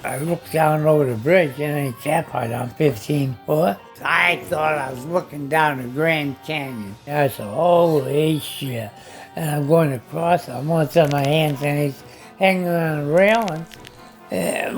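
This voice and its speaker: A man telling a rambling, profane anecdote in a casual spoken style. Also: a little high. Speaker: storyteller.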